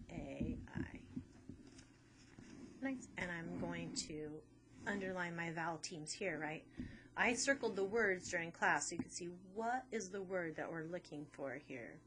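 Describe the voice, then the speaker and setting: Woman teacher, low-ish voice, patient step-by-step phonics explaining, background noise. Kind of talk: phonics lesson walkthrough.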